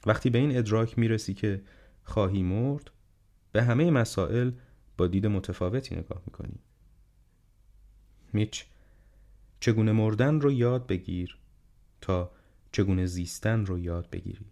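A man voicing a gentle, wise, ailing old male professor in an audiobook, speaking calmly and reflectively. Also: fairly low pitch, natural voice. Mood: earnest. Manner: calm, reflective, unhurried counsel. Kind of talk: audiobook character reading.

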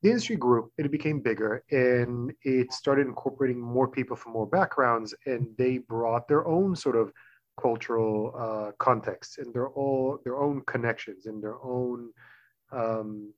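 A middle-aged man from Israel, a guest author explaining his research in a fluent, lecturing way. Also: medium pitch. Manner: fluent, lecturing, quick bursts. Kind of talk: explanatory interview talk. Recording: dull lo-fi audio.

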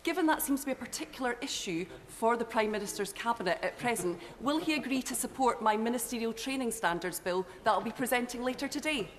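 A woman member of parliament putting a brisk, pointed question in a formal debate. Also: on the high side, lively intonation. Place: large indoor parliamentary chamber. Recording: reverberant chamber, faint background noise.

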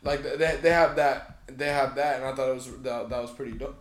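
A man's voice: mid-range voice, fairly even intonation, fairly quick. Hiccuping young-sounding man, echoey room. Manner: profane, laid-back banter. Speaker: podcast co-host. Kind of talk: casual chat.

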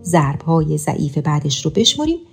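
Husky-voiced woman teaching lesson. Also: deep voice, big pitch swings, faint music behind. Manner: patient explaining, chanting counting patterns aloud. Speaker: teacher narrating a music lesson. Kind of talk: scripted educational narration.

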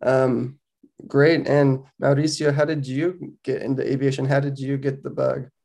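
A man hosting a podcast interview, relaxed and conversational with frequent ums. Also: medium pitch, unhurried, creaky. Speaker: podcast host. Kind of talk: casual interview.

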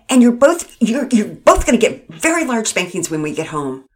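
A woman's voice: medium pitch, very animated, measured pace, a little mellow, voice pushed up. Mama Peters, a woman doing a flustered scolding mother. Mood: upset scolding. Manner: sputtering, rising to exasperated scolding.

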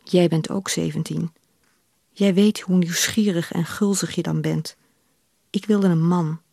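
A woman's voice: lowish voice, steady tone, a little slow, vocal fry, a little mellow, no echo, studio quality. A woman reading as a frank, earnest young woman.

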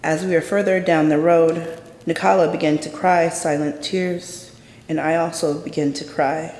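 A woman telling a personal story live on stage in a measured, solemn way. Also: sits low, fairly even intonation, darkish tone. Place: stage in a theater. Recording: echoey hall from a stage.

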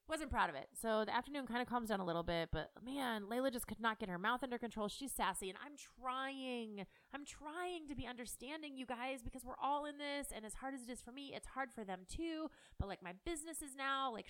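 Brief: middle-aged mom, candid home vlog storytelling, smooth clear voice, frank and emotional. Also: female voice, a little high. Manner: frank, animated and emotional, swears freely. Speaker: mother and business owner.

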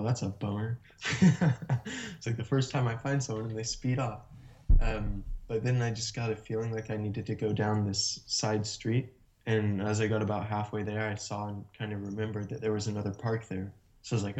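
Low-voiced man telling a story, muffled. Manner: animated, laughs often between sentences. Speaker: interview guest. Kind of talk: casual storytelling. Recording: muffled lo-fi sound.

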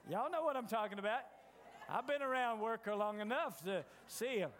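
A preacher with a very high voice, telling the story in a folksy, conversational way. He drops his voice to mimic doubters, then rises again into the preaching. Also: expressive, moderate pace, fairly bright tone, big-room sound, some chatter behind, slight background noise. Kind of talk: sermon.

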